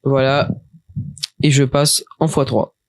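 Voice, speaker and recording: This is a male tutorial maker narrating a casual screen recording of software from his desk, chatty yet halting, with frequent restarts and fillers. His voice sits mid-range with a level tone and a slow pace, free of echo.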